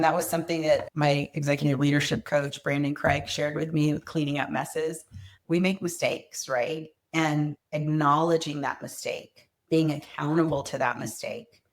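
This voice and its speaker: A woman's voice: sits low, fairly even intonation, normal speed. A woman guest on a podcast interview, speaking earnestly and reflectively about leadership and family, telling candid stories. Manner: reflective, earnest, quotes herself and family with vivid emphasis. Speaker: guest, company executive.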